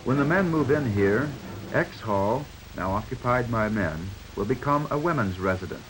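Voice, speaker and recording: Poor audio captures a medium-pitched, expressive American man narrating a 1950s newsreel from a script at normal speed. Background music runs under the soundtrack.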